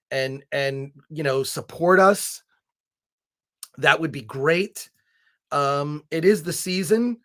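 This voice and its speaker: A man hosts a podcast, chatting casually and enthusiastically with many restarts. His voice is a little high, a bit bright, and slightly scratchy.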